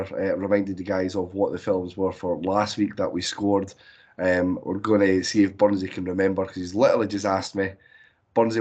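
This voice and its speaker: A man hosts a casual podcast chat with a deep, husky voice that is hoarse from a cold. He is laid-back and jokey and draws out his openings. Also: darkish tone, highs cut off. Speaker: podcast host.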